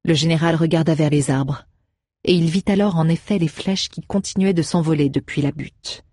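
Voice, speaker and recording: A man reading a fantasy novel aloud in steady, measured narration. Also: fairly high pitch, dry recording, clean studio sound. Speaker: audiobook narrator. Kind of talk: audiobook narration.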